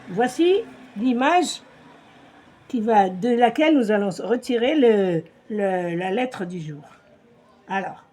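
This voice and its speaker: A woman teaching a child to read, patient, slow and repeating words. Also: fairly high pitch, warm tone. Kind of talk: patient reading lesson for a child.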